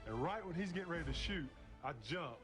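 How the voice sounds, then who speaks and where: A former basketball player recounting a play step by step in an interview. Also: male voice, fairly high pitch, lively intonation, brisk. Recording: music bed under the interview.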